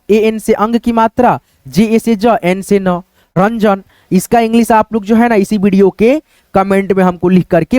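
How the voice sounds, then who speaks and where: A man's voice: sits high, darkish tone, clean tone, dry recording. A man teaching English spelling step by step, who keeps asking his viewers questions and calls them friends.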